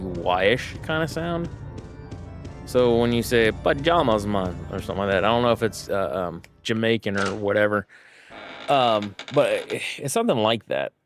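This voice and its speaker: A man from the United States chatting casually while he plays a game on a livestream. He rambles, thinks aloud and corrects himself, with lots of fillers. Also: fairly low pitch. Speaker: streamer. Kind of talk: casual gameplay livestream chat. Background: game music.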